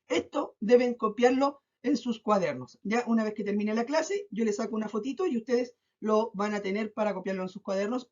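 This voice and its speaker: Woman teaching, high voice, muffled sound. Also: a little mellow. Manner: patient, stresses syllables slowly, checks in with "¿ya?". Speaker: school teacher. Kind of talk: recorded online class. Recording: dull lo-fi recording.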